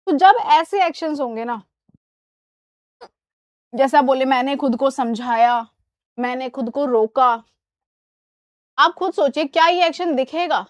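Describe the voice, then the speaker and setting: High-voiced woman teaching English grammar. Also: no echo, clean studio sound. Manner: explains in Hindi, reads English examples slowly and carefully; asks students questions and checks understanding. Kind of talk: live online class lesson.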